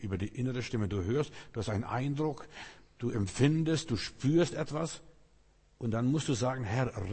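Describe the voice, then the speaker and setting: A man's voice: mid-range voice, darkish tone, husky, in a large hall. A man preaching a sermon in short, repeated phrases, speaking straight to each listener.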